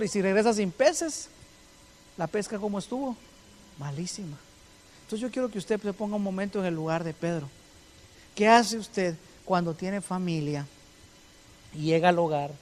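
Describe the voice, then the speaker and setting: A man preaching a sermon, firing rhetorical questions at his congregation and swinging between loud and soft. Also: high-pitched, normal speed, pauses often. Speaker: pastor.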